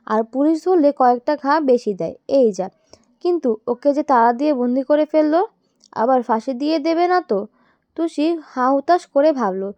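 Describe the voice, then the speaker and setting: A woman with a high voice narrates an audio story expressively. The sound is dry and close, and slightly dull. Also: a little mellow, dry recording.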